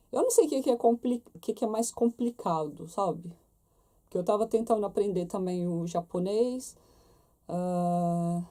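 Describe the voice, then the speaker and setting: In a mellow, medium-pitched voice, the young vlogger with a Brazilian Portuguese accent talks casually to camera, chatting straight to her audience and checking in often through tag questions.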